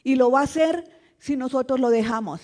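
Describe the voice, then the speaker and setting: A woman pastor with a Colombian Spanish accent, preaching a sermon in church, full of rhetorical questions and swinging between loud emphasis and soft, low passages. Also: brisk.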